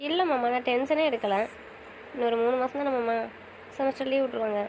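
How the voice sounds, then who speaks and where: A woman's voice: high voice, fairly quick, a little mellow, a little hiss or hum, low-quality recording. A young woman in affectionate, teasing banter with her husband, pleading and playful by turns. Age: young adult. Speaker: wife in a couple's chat. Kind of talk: casual couple banter.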